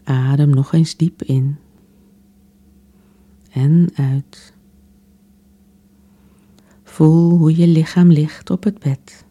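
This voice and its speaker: Very slow, dark-voiced woman guiding relaxation. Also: deep voice, fairly even intonation, lo-fi sound. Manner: soft, soothing, unhurried with long pauses. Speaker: relaxation exercise guide. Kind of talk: guided relaxation meditation.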